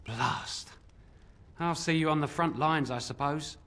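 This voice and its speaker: A man's voice: a little high, unhurried, a bit bright. An actor playing a resigned, grumbling man being called up to fight in a video game. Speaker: game character.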